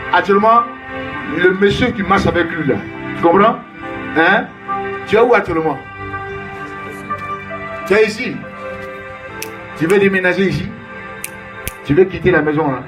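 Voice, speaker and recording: A man's voice: sits high, normal speed, pauses often, over music. A man preaching as a prophet, emphatic and repetitive, calling out names and Alléluia in call-and-response.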